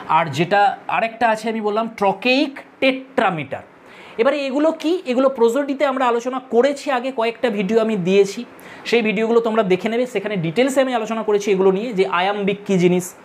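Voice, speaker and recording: With a medium-pitched voice and a Bengali accent, a woman gives a literature lesson aimed at exam takers. She breaks things down step by step, counts aloud and repeats the important terms, over slight background noise.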